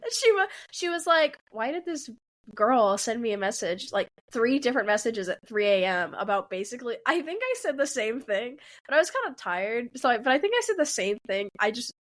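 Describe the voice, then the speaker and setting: Speaking fairly quickly in a high-leaning, very animated voice, this twentysomething podcast co-host rambles through a story over casual chat. She laughs along the way and performs the quotes of the people involved.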